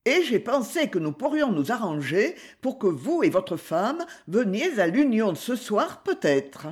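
Woman doing a calm, genteel lady sleuth. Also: medium pitch, a little slow. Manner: light, composed and polite.

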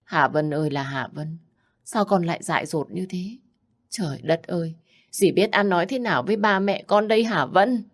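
A woman voicing a scheming middle-aged stepmother who nags and wails, with a low voice. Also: normal speed, natural voice. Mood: fake wailing.

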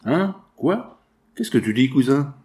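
A man's voice: medium pitch, fairly even intonation, brisk, close to an everyday voice. A man voicing a frightened, cowardly mechanic caught stealing, who stammers and pleads. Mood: panicked.

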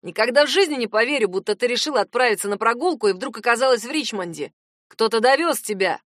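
A woman voicing a nosy, hotheaded young male cousin who keeps pressing with loud, insistent questions. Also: fairly high pitch, animated, quick pace, no echo, clean studio sound. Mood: pushy, prying.

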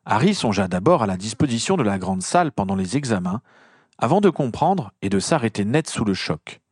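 Male narrator, lively expressive read, dry close-miked sound. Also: fairly low pitch, a little fast, breathy edge, no room sound. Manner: expressive storytelling with lively intonation. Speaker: reader. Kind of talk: audiobook reading of fan fiction.

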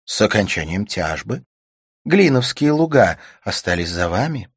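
A man reading a novel aloud and voicing a polite, gentle young lady of the house with a mild, soft-spoken manner. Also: fairly low pitch, big pitch swings, measured pace, slightly rough, dry recording, studio quality, voice pushed up, heavily acted.

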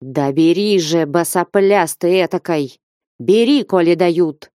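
A stern, commanding old merchant gives orders in a low, mellow voice, as a woman narrator reads him. His warnings come slow and heavy, and the dry, close recording keeps every word near. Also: lively intonation, no room sound. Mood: angry. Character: stern older merchant man, gruff and commanding.

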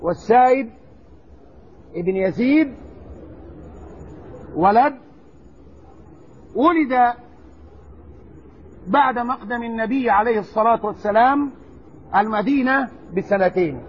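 A man teaching a recorded religious lesson, explaining slowly and deliberately and stressing word forms. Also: very high voice, lively intonation, slight background noise. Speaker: Islamic scholar teaching hadith. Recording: dull lo-fi lecture recording.

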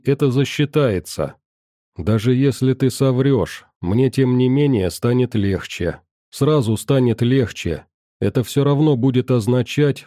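Male reader doing a tender, tearful teen girl; dark, close audiobook read. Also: medium pitch, dry recording, natural voice. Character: teenage girl, emotional and clingy.

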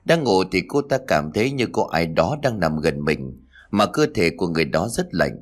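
Low-voiced man reading a ghost story. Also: expressive, normal speed. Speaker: narrator.

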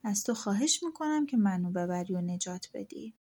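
A woman's voice: mid-range voice, lively intonation, darkish tone, natural voice. A woman voicing a poor, weary old man in a storybook tale, speaking in a pleading, resigned way.

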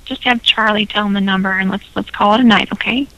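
A man's voice: high voice, fairly even intonation, quick pace, bright, forceful tone, dry recording, highs cut off, voice pushed up. Man putting on a tired nagging mom. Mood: weary. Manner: tired, trying to wrap things up. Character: weary, nagging middle-aged mother. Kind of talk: prank call comedy.

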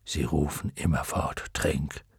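A man voicing a huge, wise and gentle male luck dragon in an audiobook, murmuring slowly and solemnly. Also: steady tone, breathy edge, no room sound, studio quality, heavily acted. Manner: deep hushed murmur, slow and solemn. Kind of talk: audiobook character voice.

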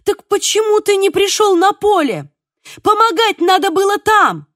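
A woman voicing an older mother who scolds in a shrill, raised voice. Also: big pitch swings, slow pace, no room sound, studio quality, full character voice. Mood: scolding.

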